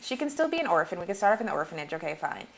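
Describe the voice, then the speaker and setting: A woman's voice: lowish voice, big pitch swings, rapid-fire, creaky, crowd noise, poor audio. A woman co-hosting a podcast, chatting casually as she recaps a movie, laughing often and quoting characters along the way. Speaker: podcast co-host. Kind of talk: casual chat recapping a film.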